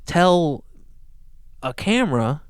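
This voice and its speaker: A man hosting a casual podcast chat, rambling and trailing off softly. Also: on the high side, sing-song, takes it slowly, smooth, dry recording, clean studio sound. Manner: rambling, laid-back, often trails off quietly.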